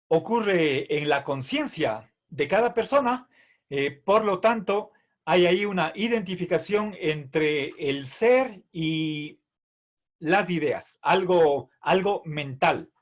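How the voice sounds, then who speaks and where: A man's voice: high voice, lively intonation, takes it slowly. A man teaching a philosophy class, explaining terms patiently with many fillers and checks for understanding. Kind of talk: online philosophy lecture.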